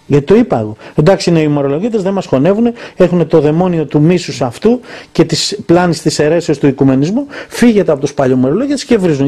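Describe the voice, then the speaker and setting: A man's voice: on the high side, dark tone, husky. Heated, indignant male interviewer. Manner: heated, indignant, quotes others at length. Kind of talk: impassioned conversational monologue.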